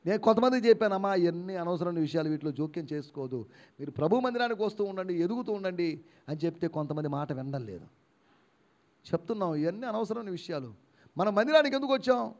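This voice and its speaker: A pastor, preaching an animated sermon in church. He rises to loud emphatic shouts and acts out the replies of imagined listeners. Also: high voice, fast talker, lo-fi sound. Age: 50s.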